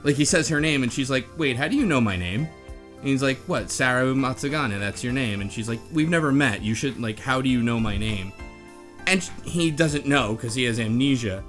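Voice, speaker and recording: A man hosts a casual book club chat as a podcast host, rambling in a blunt, slangy conversational style. His voice is medium-pitched and fairly bright, with lively intonation and a slightly fast pace, and music plays behind him.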